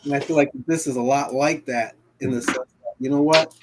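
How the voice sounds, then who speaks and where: A co-host whose first language is Creole tells a personal story during casual live talk-show chat, animated and emphatic and often repeating himself. His voice is mid-range and fairly quick, with slight background noise.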